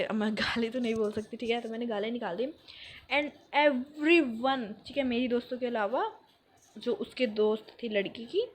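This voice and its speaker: A young woman telling a school story in a storytime vlog, acting out what people said and dropping in English phrases. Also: sits high. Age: young adult. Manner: animated, acts out quotes, mixes in English phrases. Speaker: vlogger.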